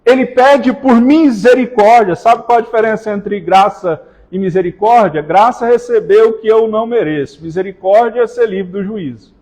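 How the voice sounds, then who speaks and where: A male pastor preaching to his congregation, pressing hard on key words and tossing in joking asides. His voice sits high for a man. The sound rings with the long reverb of a church hall. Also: normal speed, hardly any pauses, a little mellow. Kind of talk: sermon.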